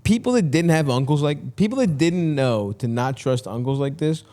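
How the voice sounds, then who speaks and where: A man's voice: on the high side, moderate pace. A man hosting a podcast, riffing casually with lots of swearing and laughter. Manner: laughing, profane, animated riffing. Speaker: podcast host.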